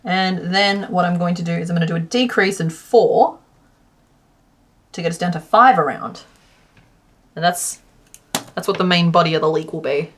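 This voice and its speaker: A crochet streamer with a fairly low-pitched voice chats at an ordinary pace, often pausing. She rambles casually, leaning on fillers, reading chat aloud and counting stitches quietly as she works.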